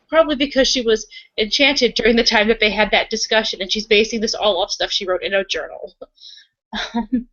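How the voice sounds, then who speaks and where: Pitched a little high, her voice sounds pushed and bright, moving at normal speed with long pauses. She's a game master narrating and improvising characters at a tabletop session, blunt and casual in tone. The recording is dull and lo-fi.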